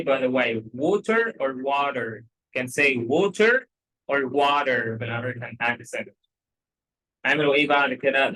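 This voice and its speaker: Slow, measured Egyptian man teaching English. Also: on the high side, a bit bright, poor audio. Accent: Egyptian Arabic. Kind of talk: explaining a story for English learners.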